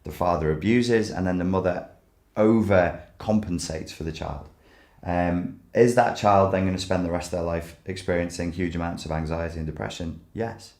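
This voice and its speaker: A man's voice: low voice, moderate pace, vocal fry, a little mellow. A man speaking as a therapist expert, methodical and explanatory in an interview. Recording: roomy echo.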